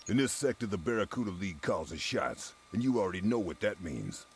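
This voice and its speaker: An actor with a Russian accent playing a scheming male oil baron in a video game, smooth and insincerely polite. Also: deep voice, lively intonation, a little fast, a little hiss or hum. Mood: sly. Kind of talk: game character dialogue.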